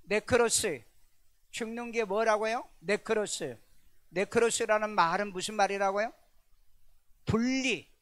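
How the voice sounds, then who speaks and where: A middle-aged man preaching a sermon, firing rhetorical questions at his congregation and pushing some lines out loudly. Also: high-pitched, moderate pace, dry recording. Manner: rhetorical questions to the congregation, animated bursts of loudness. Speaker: pastor. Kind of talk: sermon with call-and-response questions.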